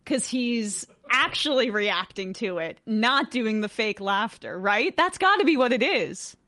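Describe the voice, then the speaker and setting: A woman co-hosting, giving animated casual commentary on a video clip. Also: a little high, measured pace, dry recording, clean studio sound. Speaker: co-host.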